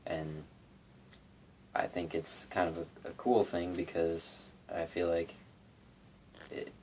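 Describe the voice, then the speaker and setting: A young YouTube guitarist and cover singer speaks slowly and flatly in a low, a little mellow voice, casually rambling about song covers with many fillers and restarts. The vlog was recorded on a phone in his bedroom, and a slight hiss or hum can be heard.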